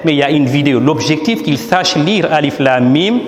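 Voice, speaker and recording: A man's voice: on the high side, lively intonation, normal speed. A man, an imam, presenting his book as a teaching talk, explaining step by step and asking and answering his own questions. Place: large hall at a ceremony. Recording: echoey hall with long reverb.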